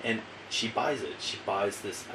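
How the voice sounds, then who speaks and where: A man hosting a podcast in casual chat, telling stories in a wry, profane, animated way. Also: lowish voice, unhurried, a little hiss or hum, rough recording. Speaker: podcast host.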